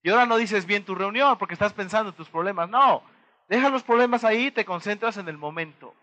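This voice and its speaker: A man with a Mexican accent giving a motivational talk to an audience, pausing to throw them rhetorical questions and act out little dialogues. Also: high-pitched, sharp tone, muffled recording. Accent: Mexican Spanish. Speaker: motivational speaker.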